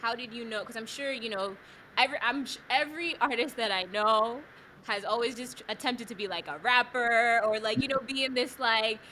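An American woman conducts a casual, chatty interview with a guest, her speech full of fillers like "you know." Her voice is a little high, bright and forceful at normal speed, with a slight hiss or hum in the audio.

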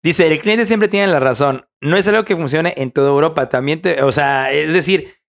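A young man with a Mexican accent, co-hosting a casual chat; he reacts quickly, talks in relaxed slang and reads facts out now and then. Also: fairly high pitch, creaky. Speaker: podcast co-host.

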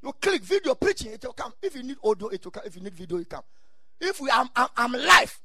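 A man's voice: extremely high pitch, sing-song, fast talker, bright, forceful tone, breathy edge, no room sound, studio quality. A man with a Ghanaian accent preaching a sermon in exhorting, repeated short phrases, mixing English with Ghanaian Pidgin and Twi.

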